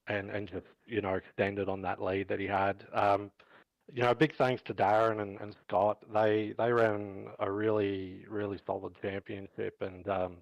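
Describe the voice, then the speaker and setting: A man in his forties giving a measured, thankful post-race interview as a driver. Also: fairly low pitch, flat delivery, creaky, no echo, highs cut off. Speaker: sim racing driver.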